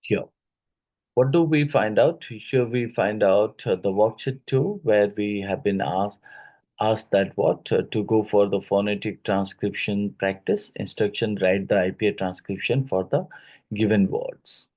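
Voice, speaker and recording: Male teacher, Indian English accent, low voice, unhurried worksheet walkthrough with frequent tag questions. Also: darkish tone. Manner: explanatory, checks in with tag questions. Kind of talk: exam-prep lecture walking through worksheets.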